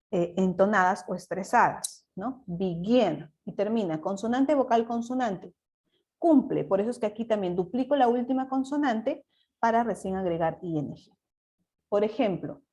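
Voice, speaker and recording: Fairly high-voiced woman teaching grammar. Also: warm tone. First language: Spanish. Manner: switches between Spanish and English, explains patiently with asides. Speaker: English teacher. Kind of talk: recorded online grammar lesson.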